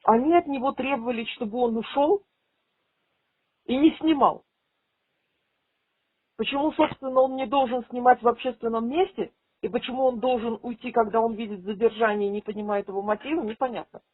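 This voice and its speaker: A woman's voice: fairly high pitch, steady tone, a little fast, husky, no room sound. Assertive woman on a tinny phone line. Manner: assertive, argumentative. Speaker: migrant rights advocate. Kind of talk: formal complaint by phone. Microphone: telephone line. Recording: tinny phone call, radio-like.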